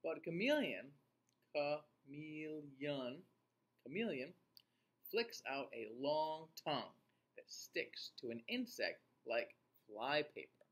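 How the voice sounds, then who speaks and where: Reading aloud to small children from a picture book, a middle-aged man uses a fairly high-pitched voice. He takes it deliberately and expressively, pausing to quiz his young audience.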